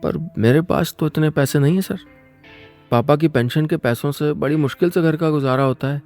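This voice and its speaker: A man's voice: on the high side, moderate pace, a little mellow, soft background music, close to an everyday voice. A man doing a meek young job seeker. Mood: pleading. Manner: polite, hesitant, deferential.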